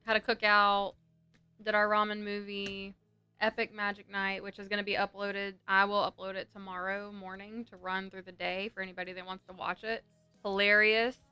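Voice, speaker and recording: A woman's voice: mid-range voice, flat delivery, normal speed, pushed and bright, clear, resonant tone, dry recording, faint music behind. A woman co-hosting a casual chat, upbeat as she sums up a trip. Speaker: podcast co-host.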